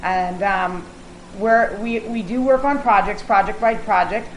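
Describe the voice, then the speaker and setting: A woman's voice: mid-range voice, measured pace. Effusive American woman in an echoey room. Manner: effusive, emphatic, joking. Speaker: culinary consultant and caterer being interviewed. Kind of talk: promotional, chatty interview talk. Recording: echoey room with ambient noise.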